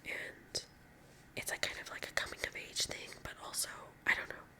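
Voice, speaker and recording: A young ASMR creator from California whispers rambling, chatty small talk full of filler words while doing her nails. She has a Californian accent, a sharp tone and a normal speed.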